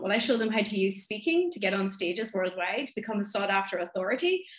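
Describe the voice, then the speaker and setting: A woman with a Donegal accent from the west of Ireland speaks in an animated, chatty storytelling way. Her voice sits at an average pitch, and the room around her adds noticeable echo. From Donegal, northwest Ireland. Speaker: podcast guest, speaking coach. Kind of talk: casual conversational storytelling. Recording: roomy, echoing sound.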